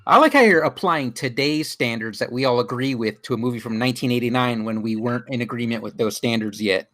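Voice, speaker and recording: A man's voice: mid-range voice, fast, a bit bright, dry recording. A man hosting a movie podcast in casual chat, dry and ironic. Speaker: podcast host.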